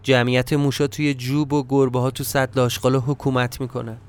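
A man telling a dark first-person story in a tense, brooding inner-monologue manner. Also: mid-range voice, level tone, smooth.

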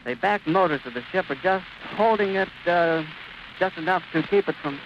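A man's voice: high-pitched, animated, moderate pace. A man reporting live as a radio commentator outdoors at an airfield, in a vivid, descriptive old-time announcer delivery. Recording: muffled noisy 1930s archive recording.

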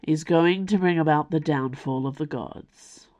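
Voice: medium pitch, unhurried, darkish tone, dull audio, lightly acted. A storyteller voicing a weary, blunt man who speaks with dry understatement.

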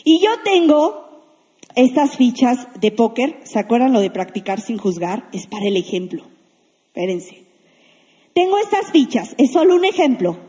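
A woman preaching to young people, lively and questioning the audience, acting out little quotes as she goes. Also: on the high side, normal speed, big-room sound. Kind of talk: sermon to a youth congregation.

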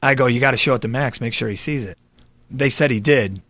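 A guest improv comedian in his thirties chats casually in an interview, rambling with lots of fillers and restarts. His mid-range voice is a little fast and a bit bright, with no echo.

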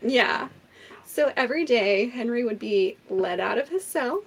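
A woman co-hosting a casual true crime podcast, telling the story in an animated way, swearing and laughing often. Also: on the high side, unhurried, husky.

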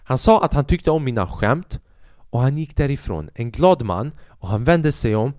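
A young man hosting his own podcast, telling a comedy club story in a profane, animated way and acting out other people's voices. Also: mid-range voice, no room sound, clean studio sound. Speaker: podcast host and stand-up comedian.

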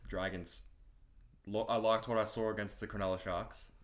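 A man's voice: fairly low pitch, steady tone, normal speed. A young man who co-hosts a casual sports chat, giving confident, punchy predictions. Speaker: sports podcast co-host.

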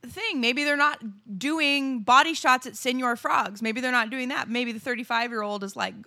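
A woman in her thirties co-hosting a podcast, chatting casually, animated and quick to laugh, with frequent swearing. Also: high-pitched, dry recording. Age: 30s. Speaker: podcast co-host. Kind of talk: casual chat.

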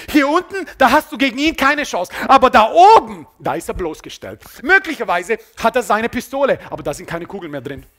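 A man preaching a sermon with repetitive phrasing, swinging between loud emphasis and low, quiet asides. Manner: often drops to a low, quiet voice.

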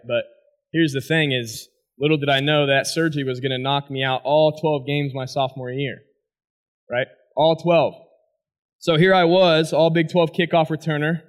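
A man, a former college athlete, giving a personal testimony speech and telling his story with animated energy to an audience. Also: fairly high pitch, moderate pace. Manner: animated storytelling, asks the crowd "right?".

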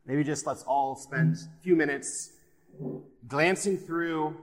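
A man leading an informal Bible study and prayer in short, hesitant phrases, with a digital echo effect on the microphone. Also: medium pitch. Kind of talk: informal class teaching and prayer. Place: class session, live group. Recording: odd echo effect on class recording.

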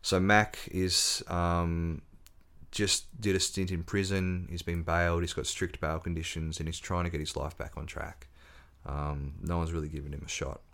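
In a low voice at a moderate pace, an author swaps stories during a laid-back podcast interview. He talks easily, often saying um and restarting his sentences.

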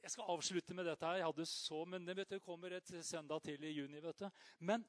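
A middle-aged male pastor preaching an animated sermon to parents, shouting out acted outbursts and then dropping to soft asides. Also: on the high side, no room sound.

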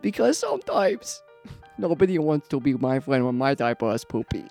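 A man voicing a needy, friendly little baby playmate in a comedy parody, pleading in a halting, childish way. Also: medium pitch, very animated, vocal fry, a little mellow, soft background music.

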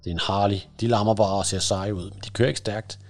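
Give me a loud, brusque giant biker, read aloud by a man, gravelly. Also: fairly low pitch, steady tone, natural voice. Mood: gruff. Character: huge tattooed adult male biker, gruff.

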